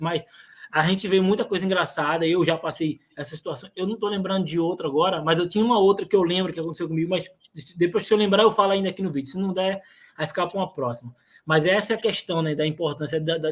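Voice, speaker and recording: High-voiced man, calm guest. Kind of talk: casual podcast chat.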